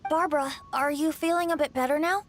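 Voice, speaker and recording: A woman's voice: high voice, fairly even intonation, quick pace, lightly acted. A woman voicing a kind, polite young companion. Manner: polite, gentle. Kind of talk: game cutscene voice acting. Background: game music.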